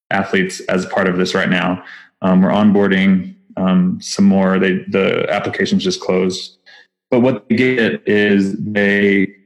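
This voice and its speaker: In a low voice on a rough recording, a man with a Texas accent is interviewed as a podcast guest. He founded a nonprofit and talks about it in an easygoing, excited way, frequently using fillers and starting over.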